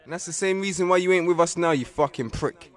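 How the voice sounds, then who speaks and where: A man's voice: a little high, fast talker. A man with a South London accent, trash-talking rivals in a profane, mocking diss skit. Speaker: rapper.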